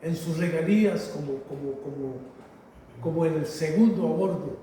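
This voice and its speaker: Preacher booming through cathedral echo. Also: male voice, warm tone. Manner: slow, emphatic, repeats phrases and addresses listeners as brothers. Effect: heavy cathedral-like echo. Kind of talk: sermon. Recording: very echoey hall, voice from far off, faint noise.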